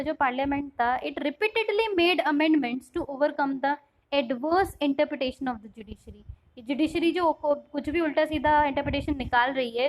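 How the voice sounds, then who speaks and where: A woman's voice: high-pitched, rough recording. A young woman teaching a lecture class, switching between Hindi and English and explaining ideas through simple everyday examples.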